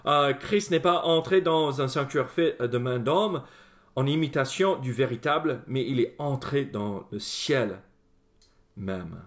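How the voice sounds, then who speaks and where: A man's voice: mid-range voice, measured pace, fairly bright tone. A man preaching a sermon as pastor, speaking with frequent hesitations, fillers and restarts. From not France. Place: church.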